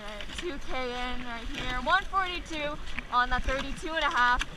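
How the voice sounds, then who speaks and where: Noisy outdoor recording on the water, with a high-voiced woman coxswain calling a rowing race. She gives short, urgent commands in a rhythmic, drawn-out way, steering and driving her crew on. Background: clear noise of water, wind and boat.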